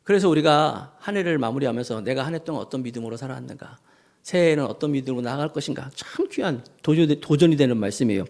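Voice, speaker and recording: A man preaching a sermon as senior pastor, animated and acting out scripture scenes, leading the congregation in call-and-response. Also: mid-range voice, fast.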